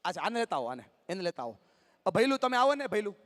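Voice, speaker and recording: Man, high voice, lively and coaxing, crowd banter, long hall reverb. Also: quick pace. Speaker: motivational speaker. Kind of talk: live motivational talk with audience interaction. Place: large hall with live audience.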